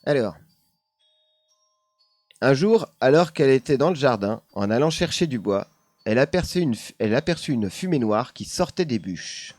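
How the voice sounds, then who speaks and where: A man's voice: medium pitch, animated, normal speed, a little mellow, dry recording, soft background music. A man streaming live, casually telling a paranormal story while chatting with his viewers, laughing often and leaning on the same filler words.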